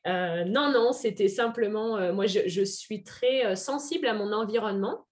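A woman's voice: mid-range voice, moderate pace, darkish tone. A woman from France with a French accent touched by Québécois, an earnest podcast guest who talks with many fillers and restarts. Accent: French, picked up some Québécois. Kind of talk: casual podcast interview.

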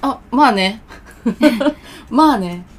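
A woman co-hosting a relaxed podcast, her voice swooping high and low as she rambles through anecdotes. She sits a little above the usual pitch for a woman and laughs easily. A faint hiss sits under the recording. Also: very slow. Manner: animated and giggly, rambling. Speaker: podcast co-host. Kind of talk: casual chat.

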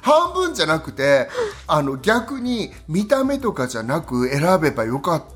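A woman's voice: low voice, very animated, moderate pace. A woman in her fifties a touch of dialect, chatting casually as a podcast co-host in a rambling, colloquial way. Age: 50s. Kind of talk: casual chat.

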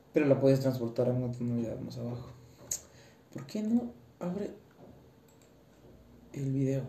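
A young man with a Mexican accent talks through his solo podcast in a chatty, halting way, padding his sentences with fillers. His voice is very dark and mellow. The room is echoey, with a faint hum of noise behind him. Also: mid-range voice. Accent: Mexican Spanish. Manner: chatty, hesitant, full of fillers. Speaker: podcast host, singing student. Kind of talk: casual solo podcast talk.

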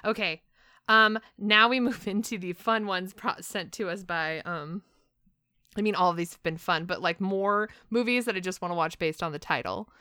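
A woman's voice: mid-range voice, normal speed, bright, forceful tone, clean tone, dry recording, clean studio sound. A woman co-hosting a podcast, chatting casually and animatedly, with lots of laughter and fillers. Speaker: podcast co-host. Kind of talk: casual chat.

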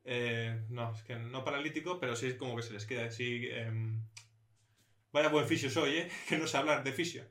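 A man's voice: medium pitch, normal speed, fairly bright tone, roomy sound. A young man co-hosting a casual podcast chat, joking and rambling as he goes. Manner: jokey, rambling, laughs often. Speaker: podcast co-host.

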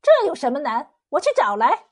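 A woman's voice: high-pitched, wildly swooping pitch, moderate pace. A woman voicing a scheming elderly goddess queen in a storybook tale, talking sweetly to trick a young scholar. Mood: coaxing. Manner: sweet-talking, sly and coaxing.

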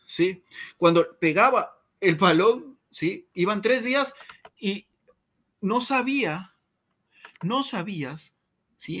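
A man giving a motivational talk on communication, checking in often with "¿sí?", repeating and stumbling over words, with dramatic swings in pitch. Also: slightly rough. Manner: repeats "¿sí?" to the audience, animated. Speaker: speaker on communication.

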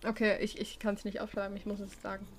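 A woman's voice: mid-range voice, monotone, fast. A young woman chatting casually as a podcast co-host, with trouble pronouncing her R sounds. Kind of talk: casual chat.

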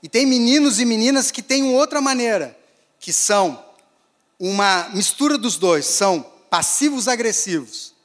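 A male pastor with a high-pitched, expressive voice preaches to a gathering at a moderate pace while a long hall echo rings around him. He shifts dramatically from emphatic, raised lines to soft, drawn-back ones.

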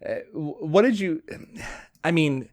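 A man's voice: a little high, expressive, takes it slowly, a little mellow, no echo. Man, podcast co-host, casual film chat, wry and profane, dry close sound. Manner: wry, profane, recaps plot at length.

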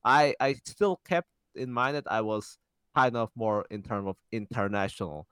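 A man's voice: fairly low pitch, normal speed, a bit bright, clear, resonant tone, no echo, clean studio sound. A young man from the Czech Republic hosting a podcast, talking casually and thoughtfully, with frequent halts and restarts. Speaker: podcast host. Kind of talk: casual conversation.

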